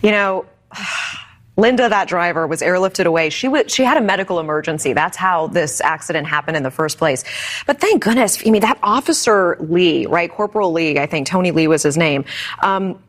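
Woman, talk show host, animated, casual news chat, varied melody. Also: fairly low pitch, fairly quick. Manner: animated, chatty storytelling.

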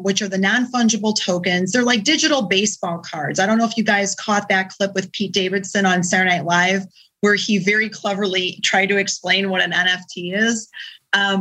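A female co-host who briskly recaps a news story with a wry edge. Her voice sits at an ordinary middle pitch. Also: fairly bright tone, low-quality recording. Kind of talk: casual news talk.

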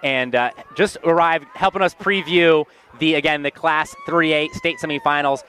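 Guy hosting live high school sports radio from the field, kinda high voice, lots of uh's. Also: moderate pace, slight background noise. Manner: energetic, filler-heavy play-by-play chat.

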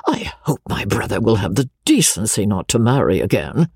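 A reader voicing a self-absorbed, peevish elderly woman of wealth who speaks in a breathy, whispery way. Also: very deep voice, very animated, normal speed, a little mellow, no echo, studio quality, exaggerated voice.

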